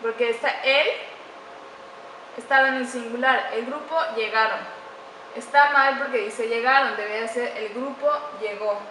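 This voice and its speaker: Bright-voiced woman explaining grammar, echoey room. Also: a little high, fairly even intonation. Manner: careful, slows down to spell out example sentences. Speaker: student presenter. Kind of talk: explanatory class presentation. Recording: echoey room with faint background noise.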